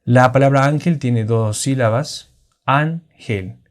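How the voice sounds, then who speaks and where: Male teacher, slow and patient, explains step by step with lots of restarts. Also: mid-range voice, darkish tone. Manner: patient, explanatory, with frequent restarts and check-ins. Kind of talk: classroom lesson on Spanish grammar.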